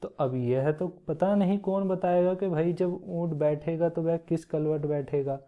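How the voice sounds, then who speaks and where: A man teaching young children, explaining a poem slowly, reciting it in a sing-song way and often checking that they follow. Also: a little high. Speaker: primary school teacher. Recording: tinny phone-like audio.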